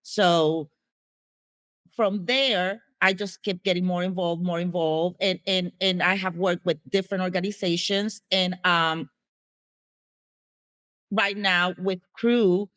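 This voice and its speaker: A woman's voice: lowish voice, steady tone, slow, fairly bright tone, dry recording. A woman from Puerto Rico with a Puerto Rican accent, Spanish being her first language, answering interview questions as a guest with many fillers and restarts. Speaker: guest, HIV educator.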